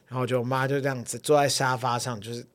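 A man's voice: mid-range voice, quick pace. A young man, co-hosting a podcast, telling a story in a casual chat and acting out the lines he quotes. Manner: animated storytelling, acts out quoted lines, laughs often. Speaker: podcast co-host.

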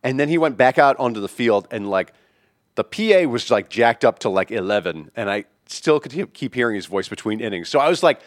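A man co-hosting a podcast, telling a story loudly with lots of swearing and shouted bits; he says he is deaf. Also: medium pitch, lively intonation, brisk, no echo, studio quality. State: hard of hearing. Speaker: podcast co-host. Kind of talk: casual chat.

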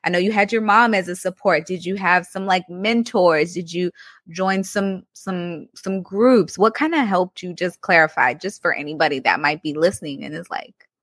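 Bright supportive woman podcast host. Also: on the low side, normal speed, no echo. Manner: affirming, supportive, animated. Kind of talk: casual interview chat.

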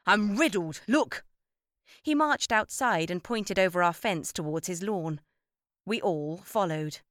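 A woman narrating a children's story with an expressive read-aloud manner. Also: on the low side, measured pace, dry recording, studio quality. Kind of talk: storybook reading.

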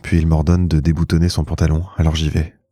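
A man narrating an intimate first-person story slowly and in a hushed, measured way, close to the mic. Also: rumbling low, level tone, no room sound. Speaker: podcast host and narrator.

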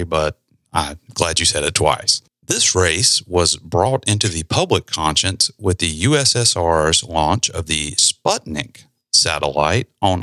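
A man with a very low voice and a forceful, bright edge hosts a podcast. He explains at an easy conversational pace, slipping in casual asides. The sound is close and dry, with no room around it. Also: no room sound. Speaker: podcast host.

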